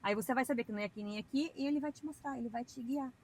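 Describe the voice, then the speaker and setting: A woman's voice: high voice, racing, a little hiss or hum, poor audio. A woman guest on a podcast, talking earnestly and at length about her faith in a casual, chatty way with preachy asides. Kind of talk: casual testimony.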